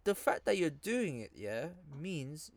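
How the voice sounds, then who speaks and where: A man's voice: on the high side, sing-song, takes it slowly, gravelly, dry recording. A man, chatting casually in sweary slang and agreeing in repeated bursts.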